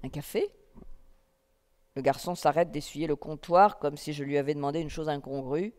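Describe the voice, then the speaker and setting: A woman reading a literary text aloud at a festival, in a calm, measured first-person narration. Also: low voice, clear, resonant tone. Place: festival stage in a hall. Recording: long reverb of a hall.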